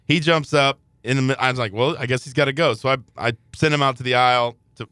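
A man's voice: medium pitch, fast, clean tone, no echo, clean studio sound. A man, a father and podcast host, telling a story in casual chat and acting out the people in it. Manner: animated storytelling, acts out his kids. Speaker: father of three.

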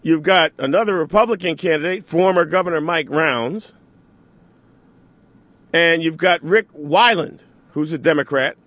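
A man's voice: fairly high pitch, measured pace, a bit bright, no room sound. A man hosting a radio talk show, delivering an opinionated monologue with sarcastic asides. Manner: sarcastic, mocks opponents in mimicking asides.

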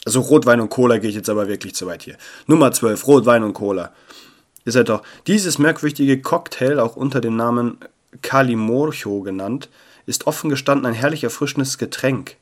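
Young male podcast host, casual and playful, jumps from loud to hushed, close sensitive mic. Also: mid-range voice, brisk. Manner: chatty and playful, swings between loud bursts and near-murmurs. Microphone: sensitive close mic that picks up paper rustle.

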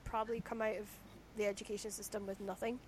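A woman's voice: mid-range voice, flat delivery, quick pace, darkish tone, a little hiss or hum. Chatty woman with a Shetland accent. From Shetland, Scotland. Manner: chatty, candid, anecdotal. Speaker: interviewer. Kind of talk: casual conversational interview.

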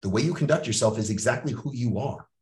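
This podcast host, a middle-aged Canadian man, speaks quickly at a medium pitch with a darkish tone. His motivational monologue is blunt, profane, and coach-like, recorded with roomy sound and the mic at a distance.

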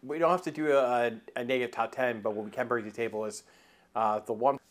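A man's voice: medium pitch, fairly even intonation, quick pace. A man co-hosting a casual podcast, blunt and profane, laughing at his own stories. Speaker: podcast co-host. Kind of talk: casual chat.

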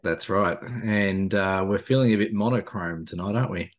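A man with an Australian accent chats casually in a fairly low voice. His delivery is a dry, laconic drawl, relaxed in wording, like a co-host talking with a mate. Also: normal speed. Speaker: co-host, landscape photographer. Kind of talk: casual chat on a video show.

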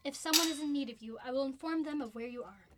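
A woman's voice: high-pitched, fast talker, very noisy, natural voice. A woman voicing a fussy, prim nurse to a princess in a student radio drama. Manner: prim, scandalized.

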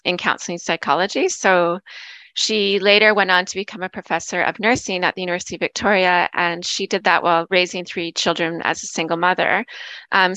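Woman, bright voice, dry close sound, middle-aged, from Vancouver Island, chatty and reflective. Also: lowish voice, no echo. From Canada, Vancouver Island. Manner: warm, reflective, laughs often, many "um"s. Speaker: guest, associate professor. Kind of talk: casual interview conversation.

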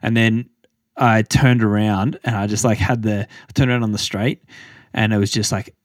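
Low-voiced man, casual rambling. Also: little pitch movement, normal speed, dry recording, clean studio sound. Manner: rambling storytelling with many fillers. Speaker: podcast co-host. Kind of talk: casual chat.

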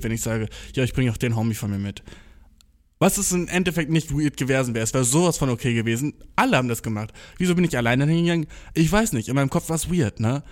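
Here a young man with a higher-leaning voice tells a story off the cuff, swearing a lot and mixing English words into his slangy speech. He's self-mocking and excitable, and his words often come out tangled.

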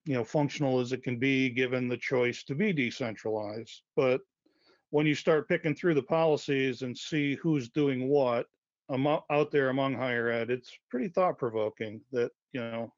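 A man's voice: mid-range voice, moderate pace, no echo. A man losing his voice, speaking informally as a university wireless lead on a webinar, with many fillers and self-corrections. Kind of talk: conversational webinar presentation. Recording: dull, dry lo-fi web audio.

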